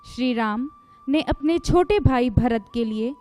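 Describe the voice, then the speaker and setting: A woman narrating a school stage play in a calm, explanatory manner. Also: on the high side, measured pace, music in the background.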